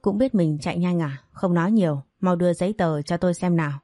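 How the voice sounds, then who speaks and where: A stern traffic policeman, curt and all business, from a spoken storybook, as a woman plays him. His voice is low and dark, dry and close, with soft music underneath. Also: fast talker, dry recording, close to an everyday voice.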